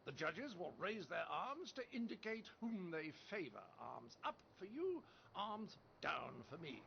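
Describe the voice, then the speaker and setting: A man's voice: high-pitched, big pitch swings, a little slow, vocal fry, a little hiss or hum, heavily acted. A man voicing a boastful foreign debater who mocks his hosts in a pompous, theatrical way. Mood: mocking. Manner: pompous, taunting, sing-song delivery. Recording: dull lo-fi game audio.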